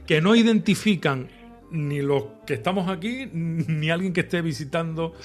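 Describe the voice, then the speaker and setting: A man's voice: a little high, moderate pace, faint music behind. A man hosting an interview, talkative and full of hedges, laughing between remarks. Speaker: host, also an ad voice-over artist. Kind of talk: casual interview chat.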